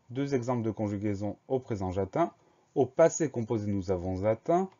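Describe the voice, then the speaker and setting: Man spelling words out slowly. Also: fairly low pitch, warm tone, muffled recording. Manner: slow, methodical, spells words letter by letter. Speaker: French teacher. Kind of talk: spelling lesson.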